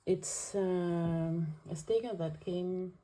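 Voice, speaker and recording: Extremely slow and steady in tone, her fairly low, mellow voice belongs to a Danish planner vlogger chatting as she sets up her weekly planner. She speaks English as a second language with a Danish accent, carefully and hesitantly, using many fillers.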